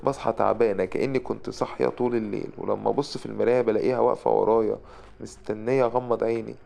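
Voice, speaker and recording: A frightened young woman from a spoken horror story, read by a man, with an Egyptian accent. The voice is heavily gravelly and low, and the words come fast. It sounds like a storyteller reading her lines rather than a full character voice. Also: fairly even intonation, dark tone. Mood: scared. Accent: Egyptian Arabic. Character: haunted young woman telling her fears.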